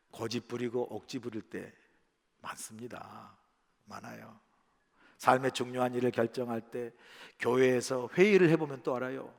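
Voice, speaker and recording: A man's voice: mid-range voice, gravelly. A male pastor preaching a sermon in a church, speaking conversationally, posing rhetorical questions to the congregation and acting out quoted lines. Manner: acts out quoted speech dramatically. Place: church sanctuary. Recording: long reverb of a church hall.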